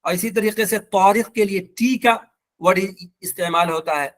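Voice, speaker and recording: A man with a Pakistani accent gives an online language lesson in a fairly high, light voice. He is patient and walks through each example slowly, saying it twice. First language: Urdu. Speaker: teacher.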